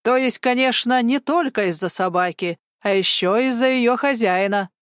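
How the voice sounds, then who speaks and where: Brief: woman reading as a stubborn old busybody, bossy, shrill and insistent, dry close sound. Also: normal speed, clean tone, dry recording, natural voice. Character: stubborn elderly woman activist, loud and bossy.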